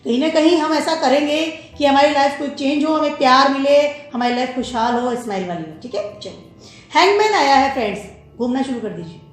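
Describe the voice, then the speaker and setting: A woman gives a pick-a-card tarot reading, mixing Hindi and English and stopping often to check that the listener follows. Her voice sits a little high. The room is very echoey, and music plays behind her. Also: animated, brisk. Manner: mixes Hindi and English, warm advising tone with frequent "okay?" check-ins.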